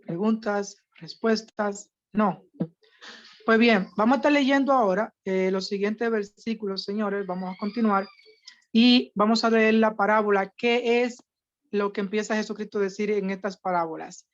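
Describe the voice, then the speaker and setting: A woman teaching a Bible study in a casual, animated way, often checking that her listeners understand. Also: mid-range voice, normal speed, muffled recording.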